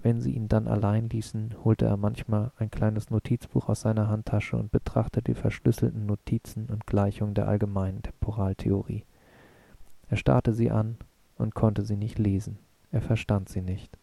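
A man narrating an audiobook in an even, measured reading. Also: fairly low pitch, creaky, dry recording. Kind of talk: scripted narration.

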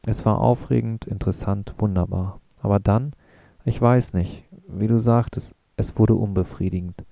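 A man's voice: on the low side, steady tone, normal speed, gravelly, mellow, no echo. A man voicing a blunt, frank young woman on a hike, read in an audiobook in a plain, direct way. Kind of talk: audiobook reading.

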